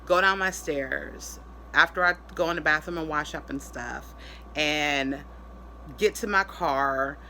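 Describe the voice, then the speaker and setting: A woman speaking casually in a vlog update, sounding weary and drained, in pain after surgery, with halting delivery. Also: sits low, bright, forceful tone, a little hiss or hum. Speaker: vlogger.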